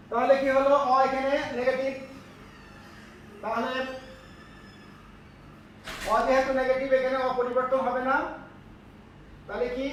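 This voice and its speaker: Male teacher, very high voice, patient step-by-step classroom explainer; faint room hum behind. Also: a bit bright. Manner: explains step by step, often checks understanding. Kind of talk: classroom lecture on pronunciation. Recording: echoey room, voice from far off.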